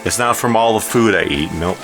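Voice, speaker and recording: Young man, co-host, low voice, slow talker, rambling, folksy, music in background. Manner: rambling, folksy, self-deprecating. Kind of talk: casual podcast chat.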